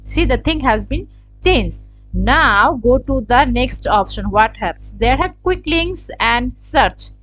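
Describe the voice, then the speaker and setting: Brief: Bangladeshi-accented woman, tutorial host, slow and halting, slightly high voice, dry close sound. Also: lively intonation, a bit bright, no echo. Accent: Bangladeshi English. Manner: hesitant, thinking aloud with many fillers and repeated "see". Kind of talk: screen-recorded software tutorial. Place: indoors at a computer.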